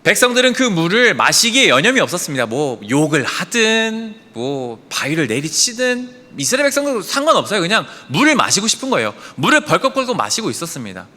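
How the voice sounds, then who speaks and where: Brief: male pastor, fairly high voice, emphatic sermon full of rhetorical questions, church hall with long reverb. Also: huge pitch swings, fast talker, hardly any pauses, pushed and bright. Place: church sanctuary.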